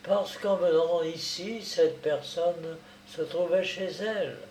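A man reading the lines of a grieving young daughter in an audiobook, soft and subdued. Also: on the high side, slow pace, a little hiss or hum. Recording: roomy, distant mic.

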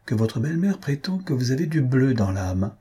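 A man's voice: medium pitch, big pitch swings, normal speed, dark tone, husky, voice pushed up. A man voicing a prying society lady who needles with insinuating questions, in a raised voice. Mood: needling.

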